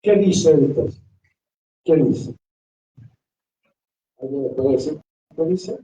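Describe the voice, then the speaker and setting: A man's voice: fairly high pitch, slow, mellow, slight background noise. A man, a pastor, teaching a Bible workshop to a class and repeating rhetorical questions to his students. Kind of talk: classroom lecture. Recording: echoey room, distant dull lo-fi mic.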